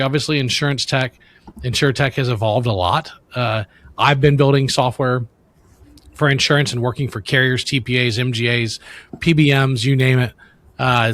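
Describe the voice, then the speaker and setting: Man in his 40s, co-host, mid-pitched, chatty, restarts a lot, dry close mic. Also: fairly bright tone, no room sound. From Louisiana, US. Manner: chatty, friendly, many restarts. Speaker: podcast co-host. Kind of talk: casual podcast interview.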